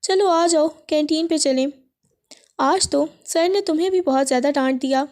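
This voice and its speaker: A woman voicing a chatty, friendly young female classmate in a high, mellow voice. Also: close to an everyday voice.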